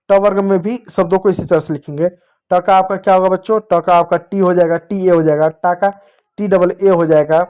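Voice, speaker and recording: A man's voice: high-pitched, darkish tone, clear, resonant tone. A man teaching young children step by step, patiently repeating each point and asking questions that he answers himself. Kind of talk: classroom lesson for young children.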